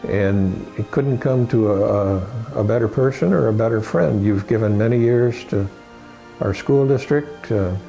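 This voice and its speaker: A man offering a sincere, slightly halting spoken tribute to a friend and colleague. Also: mid-range voice, dark tone.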